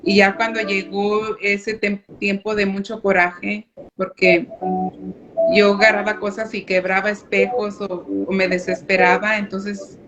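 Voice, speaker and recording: Hesitant woman guest, flat delivery, muffled noisy radio audio, telling her faith testimony. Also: mid-range voice, unhurried, over music. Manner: hesitant, with frequent filler words. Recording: muffled radio recording with background noise.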